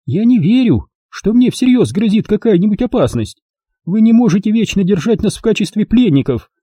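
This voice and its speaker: A man's voice: sits high, big pitch swings, fairly quick, mellow, breathy edge, dry recording, studio quality, pitched above the performer's own voice, exaggerated voice. A man voicing a prim, calculating elderly lady who speaks in a commanding tone. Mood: calm, assured.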